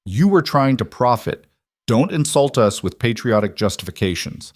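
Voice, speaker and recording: A man's voice: medium pitch, big pitch swings, moderate pace, no echo, clean studio sound. A man voicing a cold, commanding male mafia boss in an audiobook, speaking in a controlled way.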